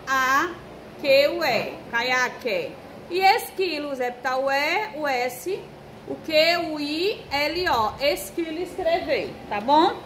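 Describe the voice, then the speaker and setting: A woman's voice: high-pitched, fairly bright tone, slight background noise, low-quality recording. A Brazilian woman teaching a recorded first-grade lesson, patiently spelling out letters and syllables. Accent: Brazilian Portuguese. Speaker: primary school teacher. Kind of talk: recorded remote class.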